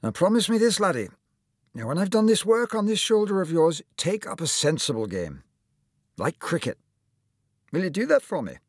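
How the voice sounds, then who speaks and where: A man performs a full character voice as a kind, encouraging older male surgeon, pitching it high, above his own natural voice. The delivery is very animated at a moderate pace, captured in a dry, clean studio recording.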